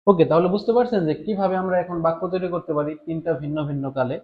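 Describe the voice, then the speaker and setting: A man's voice: a little high, rapid-fire, narrow, tinny audio. A man giving a live online lesson, patiently explaining French words and repeating each one several times. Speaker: French teacher.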